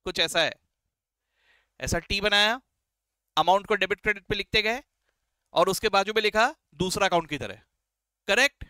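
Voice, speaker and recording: Pitched high and moving at a moderate pace with frequent pauses, the man's voice is pushed, bright, clear and resonant, free of room sound. It's a Hindi-English classroom lecture on beginners' accounting, explained step by step in a friendly, encouraging manner. He calls students "beta" and "sir" and keeps asking "right?" and "okay?".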